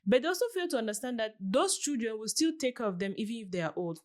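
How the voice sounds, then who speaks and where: A woman in her late twenties from southwest Cameroon answers interview questions earnestly and casually, acting out little quoted examples as she explains. Her voice sits a little high, and she talks fast with lots of animation.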